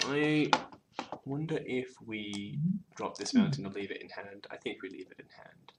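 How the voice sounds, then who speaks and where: A co-host gives easygoing commentary as he plays an online card game, restarting words and mumbling card names along the way. He has a medium-pitched, expressive voice and a moderate pace. The recording carries faint background noise.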